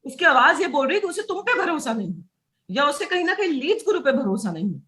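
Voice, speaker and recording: A woman's voice: sits high, sing-song, fast talker, bright, forceful tone. A woman teaching a motivational sales lesson, emphatic and repeating key phrases. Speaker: sales trainer.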